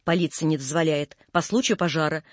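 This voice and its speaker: A man doing a sly, low-voiced clerk. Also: a little fast, dry recording, lightly acted. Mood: wry. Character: sly, knowing male shop clerk, unhurried.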